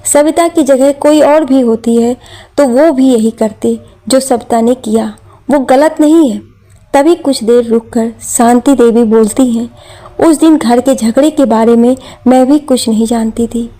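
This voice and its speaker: A woman's voice: a little high, a little slow, dark tone. A woman telling a family drama story in scripted narration, reading every character's lines in her own voice.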